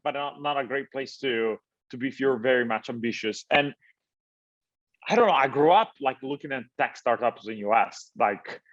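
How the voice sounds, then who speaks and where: Italian-born man, halting interview answers. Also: medium pitch, expressive, a bit bright. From Italy. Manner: halting, many fillers and repeated words. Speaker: founder, interview guest. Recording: slightly dull, lo-fi audio.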